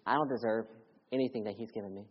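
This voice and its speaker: A young Philadelphia missionary preaches at a quick pace with a breathy edge, pairing personal testimony with earnest appeals. He rises loud and urgent before dropping to hushed lows, and the dull audio carries the long reverb of a church sanctuary.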